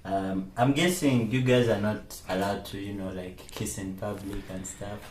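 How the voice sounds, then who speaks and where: Deep-voiced man from Uganda asking questions. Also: fairly even intonation, a little slow. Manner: soft-spoken, brief prompts and fillers. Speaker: interviewer. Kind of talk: interview questions. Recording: echoey room with faint noise.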